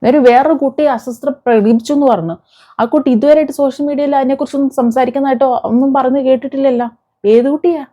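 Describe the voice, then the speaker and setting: Racing along in a high, mellow voice with fairly even intonation, a female commentator with a Kerala Malayalam accent scolds viewers informally and indignantly, throwing out rhetorical questions. Audio quality is muffled, dull lo-fi.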